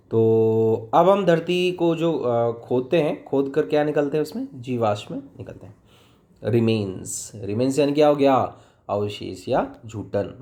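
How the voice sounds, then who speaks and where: A man's voice: medium pitch, darkish tone. A man with a Hindi accent teaching English vocabulary in a chatty classroom style, asking and answering his own questions. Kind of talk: classroom lesson explaining vocabulary.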